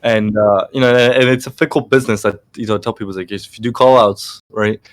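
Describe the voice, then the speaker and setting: A man talks quickly in casual conversation, his voice sitting low. He is blunt and swears freely, leaning on filler words. The sound is dry and close to the mic. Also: steady tone, no echo. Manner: blunt, profane, lots of fillers. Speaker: trading course host. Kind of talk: casual chat.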